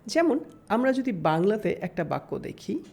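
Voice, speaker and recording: A woman giving a recorded English grammar lesson, explaining step by step and slowing down to sound out example words. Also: medium pitch, big pitch swings, gravelly, a little mellow.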